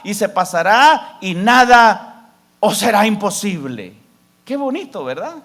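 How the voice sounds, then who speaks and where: A man preaching a sermon as pastor, often addressing the congregation as brother, swinging between loud declarations and soft asides. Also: sits high. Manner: preaching with sweeping rises and drops, calling out "hermano".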